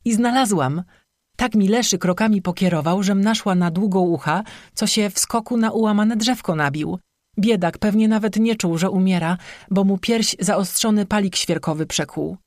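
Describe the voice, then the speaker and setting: The audiobook narrator voicing a hungry young peasant wife who frets and chatters eagerly, at the narrator's own middle pitch in a dry, close recording. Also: darkish tone, dry recording, close to an everyday voice. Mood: excited. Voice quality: chattering, quick to fret.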